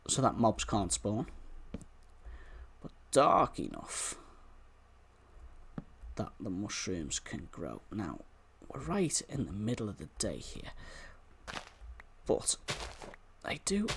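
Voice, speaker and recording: A man's voice: medium pitch, gravelly, slight background noise. A man giving casual let's-play commentary, chattily explaining each move as he plays. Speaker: gaming YouTuber.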